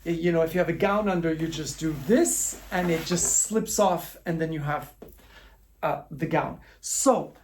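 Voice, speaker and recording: A man's voice: fairly high pitch, unhurried, a little mellow, a little hiss or hum. A man, a designer hosting his own channel, talking in a chatty, affectionate way about his gowns and often restarting his sentences, recorded in his living room at home. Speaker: gown designer and channel host. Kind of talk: casual show-and-tell vlog.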